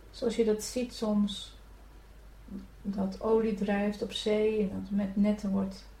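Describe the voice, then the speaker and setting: A woman leading a guided spiritual meditation, giving gentle, soothing instructions to breathe and relax. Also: medium pitch, vocal fry. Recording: echoey room, from a distance.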